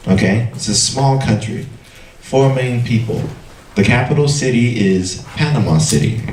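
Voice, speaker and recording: A man's voice: fairly low pitch, darkish tone, a little hiss or hum. A man from the United States giving a friendly talk to an audience, checking in with them often. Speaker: lecturer. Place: lecture hall. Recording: echoey hall, faint ambience, mic at a distance.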